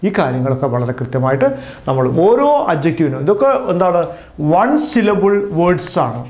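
A man's voice: on the high side, sing-song, brisk, a little mellow. A man teaching an English grammar lesson, patiently repeating and drilling each word form. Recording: roomy echo.

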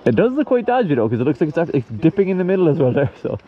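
A man's voice: on the high side, very animated, very fast, crowd noise. An Irish man bantering casually outdoors in a wry, sweary way. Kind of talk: casual banter while walking. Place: outdoors on a woodland path. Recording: dull muffled audio, faint outdoor noise.

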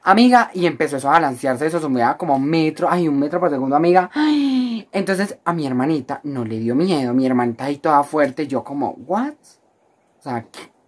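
Low-voiced, dramatic Colombian woman vlogger. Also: fast talker, hardly any pauses, darkish tone. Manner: dramatic, exaggerated, slangy, chatty to the viewer as a friend. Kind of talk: casual storytime vlog.

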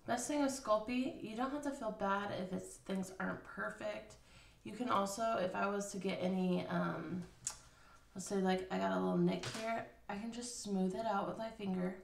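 Speaking at a moderate pace, this craft instructor has a gravelly, mid-range voice. She explains a craft casually at a table, one step at a time, using fillers as she thinks out loud, in a roomy, slightly distant recording.

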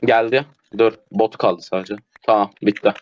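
A man playing an online game with a teammate, swearing constantly and shouting in frustration. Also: fairly low pitch, steady tone, normal speed, dull audio, a little hiss or hum. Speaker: gamer streamer. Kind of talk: casual gameplay chat with teammate.

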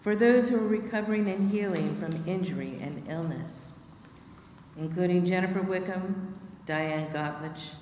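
A middle-aged woman, serving as a lay reader, steadily reads the prayers of the people and a long list of names at a church lectern microphone. Her lowish voice is warm and moderately paced, with slight background noise, and the echoey church is captured from far off.

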